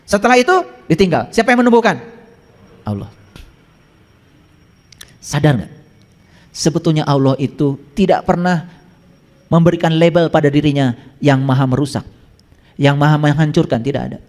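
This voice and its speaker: A man preaching a sermon to a live audience, quizzing listeners and swinging between high exclamations and low asides. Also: moderate pace, long pauses. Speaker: Islamic preacher. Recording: long hall reverb.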